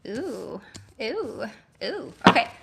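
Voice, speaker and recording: Woman, 40s, tarot livestream host; high and bright, unhurried, chatty and musing. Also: very animated, vocal fry, heavy background noise. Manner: chatty and musing, thinks aloud with restarts and drawn-out exclamations; addresses viewers warmly, with homely blessings. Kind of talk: casual livestream chat.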